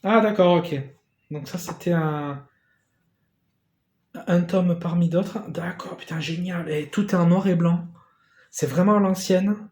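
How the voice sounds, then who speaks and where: A man in a casual unboxing vlog who gets excitable, swears casually and thanks the sender again and again. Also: high voice, measured pace, pauses often, roomy sound. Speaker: YouTuber opening a gift parcel.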